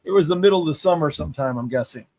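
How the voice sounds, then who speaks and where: A man's voice: on the high side, racing, a little mellow, no echo. A man hosting a casual chat, enthusiastic and affirming, often repeating his praise. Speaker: host.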